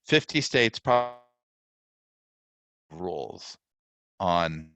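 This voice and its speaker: A deep, gravelly male professor lecturing over a video call. His audio stutters and cuts out as the connection breaks up, and he rambles with frequent restarts. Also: big pitch swings, drawn-out words, pushed and bright, dry recording, lo-fi sound. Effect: choppy, cutting-out video call audio. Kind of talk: lecturing to students.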